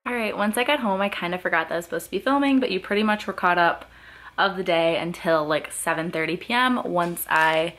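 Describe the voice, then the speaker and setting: A woman's voice: on the low side, fairly bright tone, faint music behind. A woman in her twenties, a dental student, chatting casually to a laptop camera in her bedroom at night, rambling through her day. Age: 20s. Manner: chatty and rambling, quick asides.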